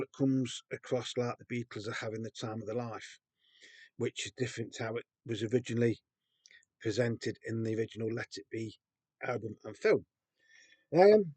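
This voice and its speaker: A man's voice: medium pitch, a little mellow, breathy edge, dry recording. Chatty man, dry close sound. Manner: chatty, rambling, with frequent ums and restarts. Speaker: record collector. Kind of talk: casual show-and-tell.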